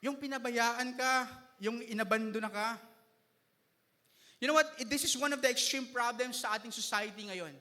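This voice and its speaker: A male pastor delivers a sermon, sliding between Tagalog and English and joking with his congregation. His voice sits very high and rings bright and forceful. The sound carries the long reverb of a church hall. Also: normal speed.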